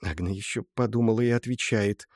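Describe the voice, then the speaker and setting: A man's voice: lowish voice, brisk, dry recording, studio quality, close to an everyday voice. A man voicing a humble old village mother. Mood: confiding. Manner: soft storytelling, folksy and confiding. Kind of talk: audiobook reading.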